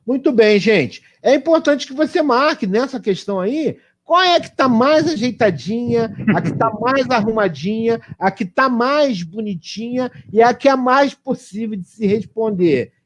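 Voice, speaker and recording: High-voiced Brazilian teacher explaining exam answers. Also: male voice. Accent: Brazilian Portuguese. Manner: explanatory, rhetorical questions answered himself. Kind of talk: online exam-prep lesson.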